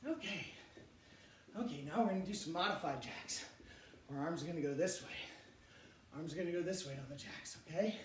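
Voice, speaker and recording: A man's voice: a little high, brisk, long pauses. Male aerobics instructor, middle-aged, encouraging, short repeated cues; recorded far from the mic with faint noise. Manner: encouraging, counting aloud, short repeated cues while exercising. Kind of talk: aerobics instructor leading a home workout. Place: living room, indoors. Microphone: camera several metres away. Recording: roomy echo, distant mic, faint noise.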